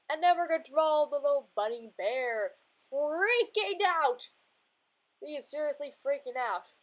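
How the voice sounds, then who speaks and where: A young woman art vlogger chats casually while drawing in her sketchbook, her fairly high voice captured in a rough recording. She giggles often and calls everything little and cute as she narrates.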